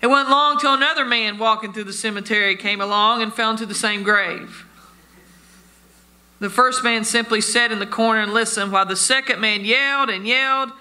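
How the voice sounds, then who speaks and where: A man's voice: high-pitched, steady tone, normal speed, bright, forceful tone. A man preaching a sermon, telling stories and addressing his listeners as friends. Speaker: pastor.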